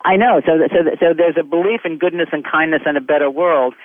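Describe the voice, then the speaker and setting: A man's voice: a little high, fast, no echo. Earnest man on a tinny phone line. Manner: earnest, reads letters aloud. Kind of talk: interview storytelling.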